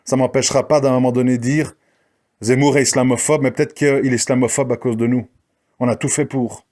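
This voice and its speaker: A man's voice: medium pitch, fairly even intonation, fairly quick, darkish tone. A man delivering a combative spoken monologue, challenging his listeners and mocking the people he criticizes. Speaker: commentator. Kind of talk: ranting monologue.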